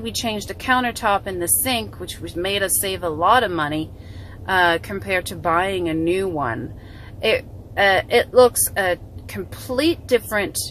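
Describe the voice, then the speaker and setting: A woman's voice: medium pitch, fairly bright tone, slight background noise, rough recording. A woman in her thirties with a chatty, restarting manner, giving a casual vlog update into a phone camera in a parked car. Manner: chatty, frequent restarts and fillers. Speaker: vlogger. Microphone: phone camera held close.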